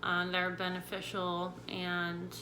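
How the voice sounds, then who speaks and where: A woman's voice: fairly low pitch, monotone, measured pace. A woman one week into jaw surgery recovery talks casually to viewers, explaining things in a chatty, informal way. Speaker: vlogger sharing surgery recovery tips. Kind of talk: casual vlog talk to viewers. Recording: clear background noise.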